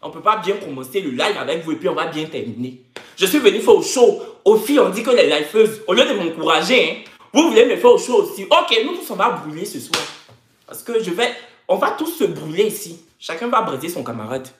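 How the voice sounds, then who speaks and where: A woman's voice: on the low side, big pitch swings, fairly quick. A woman, hosting a live stream and ranting to her viewers in a mocking, theatrical way. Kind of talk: animated live-stream rant. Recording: echoey room.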